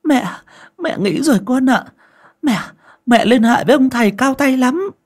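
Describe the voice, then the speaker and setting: Man doing a shrill whining old mother. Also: expressive, normal speed, a little mellow, heavily acted. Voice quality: high, wailing.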